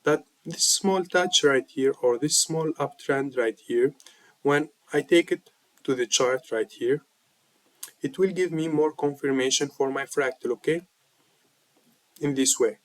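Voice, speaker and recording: A man teaching a trading lesson over a chart, his voice a little sick. He speaks at a middle pitch and keeps checking in with listeners. His delivery is steady and repetitive. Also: unhurried, dry recording, rough recording. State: slightly sick voice. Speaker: trading mentor.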